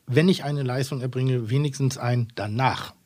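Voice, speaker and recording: A man with a husky voice hosts a casual podcast chat and switches between jokes and thoughtful remarks. The recording is dry and close. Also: medium pitch, steady tone, moderate pace, darkish tone, no room sound.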